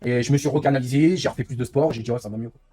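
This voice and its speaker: A man's voice: mid-range voice, racing, mellow, breathy edge. A young man chatting candidly on his live stream, rambling and confiding, with frequent tag words. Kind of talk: casual live-stream chat.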